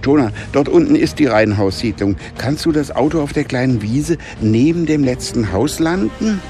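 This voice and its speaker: A man voicing a decisive, brisk teenage girl in a storybook adventure. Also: medium pitch, expressive, mellow, faint music behind, pitched above the performer's own voice, natural voice. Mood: encouraging. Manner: commanding, brisk.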